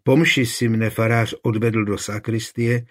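A man's voice: mid-range voice, level tone, close to an everyday voice. A man voicing an anxious, devout young village woman who pleads in a raised, fretful voice. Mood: worried.

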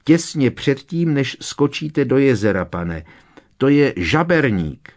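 A man voicing an eager male house-elf servant who shrieks in a squeaky voice and talks about himself in the third person. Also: expressive, lightly acted. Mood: earnest.

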